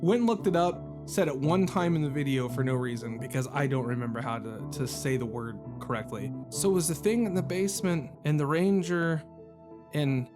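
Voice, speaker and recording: Fairly high in pitch and at a normal speed, a man streams a game with casual let's-play chatter. He thinks out loud, rambles, and makes self-deprecating jokes while game music plays behind his voice.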